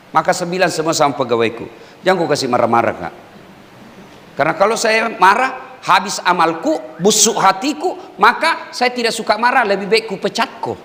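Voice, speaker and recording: A man preaching a humorous sermon to prison inmates with a Makassar Indonesian accent, swinging between loud emphasis and low asides as he acts out little dialogues. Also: very animated, a little fast, a little hiss or hum. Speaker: Islamic preacher. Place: prison hall. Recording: hall reverb.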